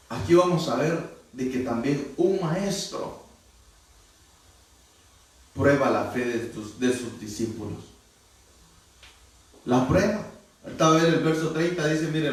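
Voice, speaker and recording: A man's voice: mid-range voice, lively intonation, unhurried, long pauses. A man preaching a sermon as pastor, animatedly acting out Bible dialogue. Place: church hall. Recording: echoey church hall, distant mic.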